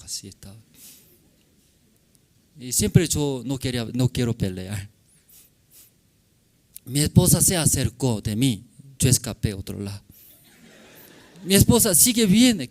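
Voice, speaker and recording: A male pastor with a Korean accent, a native Korean speaker, telling a personal story in a sermon in simple broken Spanish, often checking in with tag questions. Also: mid-range voice. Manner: animated, acts out shouting in the story.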